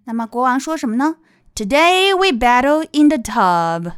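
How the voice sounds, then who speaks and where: Woman reading as a bossy bathtub king, bright commands, a little raised. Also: high-pitched, expressive, moderate pace, no room sound, clean studio sound, pitched above the performer's own voice. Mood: cheerful.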